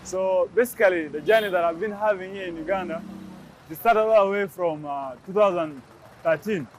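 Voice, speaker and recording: A man from South Sudan, interviewed outdoors, telling his story in an earnest, steady way. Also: sits high, normal speed, slight background noise.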